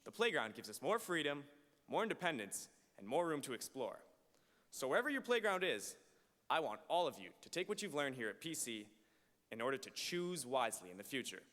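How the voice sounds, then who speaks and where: Young man's animated podium speech, echoing hall. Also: mid-range voice, a little fast. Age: late teens. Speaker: high school valedictorian. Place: large auditorium stage. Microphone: podium microphone on a stand. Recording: reverberant hall through PA microphone.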